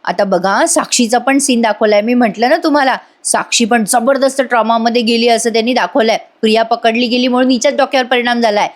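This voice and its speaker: Brief: woman voice-over reviewer, chatty, fairly high voice, addresses viewers. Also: fast, hardly any pauses. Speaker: TV serial reviewer.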